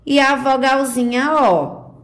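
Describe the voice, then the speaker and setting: A woman teaching a remote handwriting lesson to preschool children, guiding each letter stroke in a slow, sing-song teacher voice full of diminutives. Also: sits high. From Brazil.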